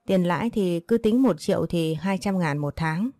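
A woman's voice: lowish voice, moderate pace, warm tone, no room sound, clean studio sound, lightly acted. A woman voicing a harsh older village moneylender woman who talks bluntly and rudely. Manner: blunt, bullying, rude.

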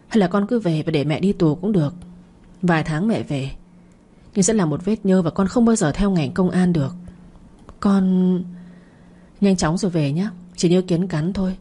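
A woman's voice: on the low side, normal speed, long pauses, mellow, slightly rough. A woman voicing a middle-aged mother who scolds and pressures her daughter insistently. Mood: pressuring.

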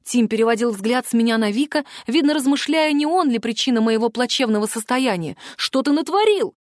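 A woman narrating a first-person fantasy audiobook in an expressive, emotional way. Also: fairly high pitch, brisk, dry recording, clean studio sound.

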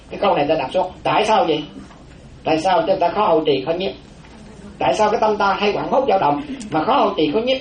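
A man's voice: high voice, a little hiss or hum. A man, a Buddhist monk giving a dharma talk, repeating key phrases and checking in with his listeners through rhetorical questions. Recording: roomy echo with faint ambience.

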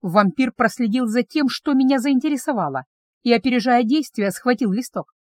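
A woman's voice: a little high, lively intonation, normal speed, darkish tone, no room sound. A woman narrating a novel in the first person as an audiobook reader, in an intimate, tense storytelling manner, close to the microphone.

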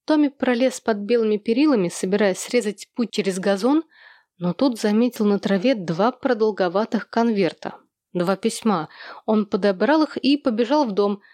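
A woman narrating a novel in a calm, even reading voice at a middle pitch. The recording is dry and close to the mic. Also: normal speed, dry recording. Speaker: audiobook narrator. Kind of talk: scripted narration.

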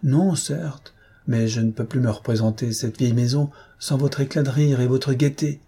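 A man voicing a lively, candid young wife in a read-aloud novel, raising his voice for her. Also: medium pitch, moderate pace, breathy edge. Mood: earnest.

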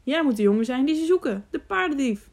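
A woman's voice: mid-range voice, a little fast, darkish tone, lightly acted. Young peasant woodcutter boy played by a woman reader, wary, doubtful, a bit cheeky. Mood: startled. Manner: surprised, doubtful, teasing. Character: cheerful peasant boy, wary then teasing.

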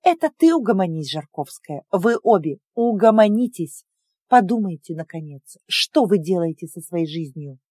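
A stern, self-righteous female manager who lectures in clipped, preachy sentences, as a woman reader puts her on. The tone is mellow and dark, and the pitch swings widely. The audiobook recording is dry and close. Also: sing-song, moderate pace, breathy edge, no room sound. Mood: scolding. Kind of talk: audiobook character voice.

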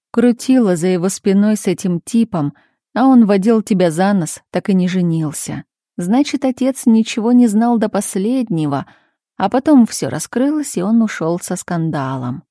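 A woman voicing a patient, insistent grown daughter who speaks calmly and firmly, in a storybook reading. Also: on the low side, normal speed, dry recording, clean studio sound. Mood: pleading, firm. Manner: calm, patient, pleading.

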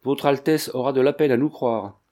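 A man's voice: medium pitch, mellow, natural voice. A frightened rambling servant, read by a man. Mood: fearful. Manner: halting, deferential and fearful.

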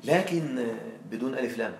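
A man's voice: mid-range voice, lively intonation, a little fast, darkish tone, slight background noise. Man teaching in an echoey room. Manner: quizzing students with frequent check questions. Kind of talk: classroom grammar lesson. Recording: echoey room, far from mic.

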